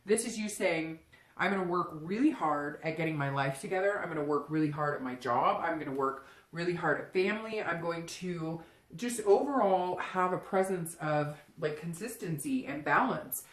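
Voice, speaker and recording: This woman, hosting a tarot reading, talks to the listener casually and without a script, often voicing imagined quotes in the first person. Her voice is on the low side and her pace moderate. There's a roomy, echoing quality to the audio.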